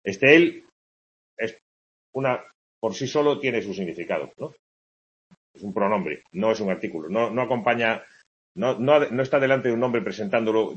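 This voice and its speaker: Chatty man teaching grammar, dull lo-fi sound. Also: fairly low pitch. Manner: chatty, full of tag questions. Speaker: Spanish teacher. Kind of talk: casual online grammar lesson.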